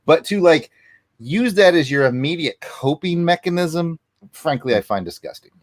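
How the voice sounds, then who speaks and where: A man co-hosting a casual sports show, talking as a passionate fan in an emphatic, deliberate way with drawn-out stresses. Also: fairly high pitch, expressive, dry recording, clean studio sound. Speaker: sports podcast co-host. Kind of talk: casual fan talk and ranting about college football.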